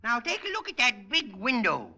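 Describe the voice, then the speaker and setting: A man's voice: very high voice, wildly swooping pitch, moderate pace, bright, forceful tone, heavily acted. A man voicing a mischievous little boy troublemaker in a 1940s radio comedy, brash and full of bad grammar. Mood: boastful. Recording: noisy old radio broadcast.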